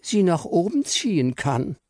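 A man voicing a small, timid female chocolate angel who speaks slowly and hesitantly. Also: on the high side, sing-song, a little mellow, no echo, clean studio sound, voice pushed up, full character voice. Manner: hesitant, slow and shy.

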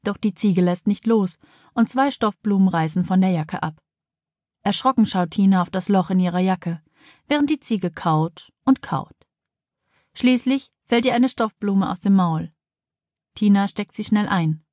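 A woman narrating a children's audiobook in a clear storytelling manner, on a studio microphone. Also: medium pitch, a little slow, a little mellow, no room sound.

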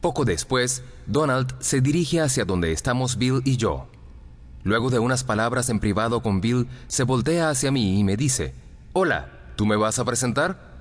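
A man reads a first-person audiobook story in an expressive storytelling manner. His medium-pitched voice moves up and down a great deal. A long reverb trails every phrase. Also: normal speed. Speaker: audiobook narrator. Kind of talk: scripted first-person narration.

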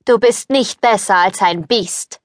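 A woman's voice: mid-range voice, measured pace, dry recording, studio quality, natural voice. A woman reading an audiobook, voicing an old beggar woman who turns into a stern fairy, speaking solemnly.

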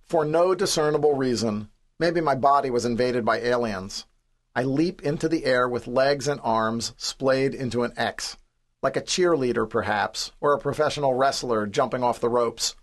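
A man's voice: mid-range voice, moderate pace. A man in his forties from the New York City area, reading his own memoir aloud in a wry, understated, self-deprecating way. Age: 40s. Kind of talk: scripted audiobook narration.

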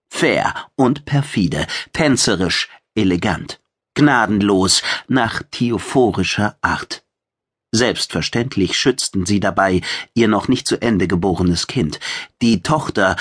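A man doing scripted narration of a science fiction audiobook in a measured, deliberate way. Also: fairly low pitch, a bit bright, husky, no echo, clean studio sound.

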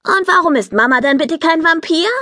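Storybook girl, stubborn and hot-tempered, high voice, woman reading it. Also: animated, fairly quick, bright, forceful tone, dry recording, clean studio sound, heavily acted. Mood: indignant. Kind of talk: children's audiobook reading.

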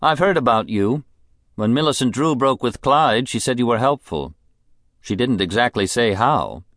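A man reading a novel aloud, voicing a middle-aged rich woman with a clear voice and a bitter, mocking edge. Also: medium pitch, expressive, normal speed, fairly bright tone, no room sound, studio quality, voice pushed up, close to an everyday voice. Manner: languid, mocking, contemptuous. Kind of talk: audiobook character voice.

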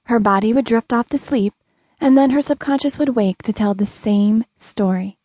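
A woman narrating an audiobook with measured, dramatic storytelling, recorded close to the mic. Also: on the high side, warm tone, no room sound.

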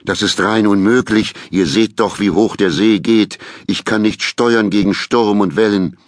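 A man's voice: fairly low pitch, fairly even intonation, unhurried, dry recording, clean studio sound, pitched above the performer's own voice, natural voice. A man voicing an anxious fisherman who speaks in alarmed, agitated bursts. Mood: fearful. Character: frightened fisherman, anxious and excitable.

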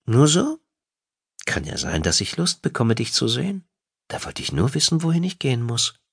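A man's voice: mid-range voice, huge pitch swings, normal speed, gravelly, breathy edge, no room sound, studio quality, pitched above the performer's own voice, full character voice. A man voicing a playful, teasing wife in an audiobook, speaking in a raised, lighter voice. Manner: playful, needling, then caring. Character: teasing affectionate wife, adult woman. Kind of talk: audiobook dialogue.

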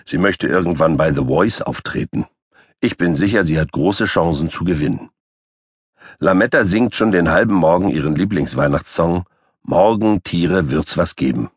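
A man's voice: low-pitched, husky, no echo, studio quality. A man narrating a children's audiobook as a boastful, grumpy three-legged tomcat. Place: recording studio. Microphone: close studio mic.

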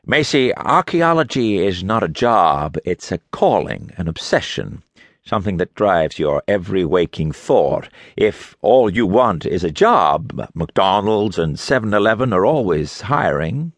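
A man's voice: sits low, big pitch swings, measured pace, dry recording, full character voice. A man voicing a haughty, contemptuous middle-aged archaeologist with a nasal New England accent.

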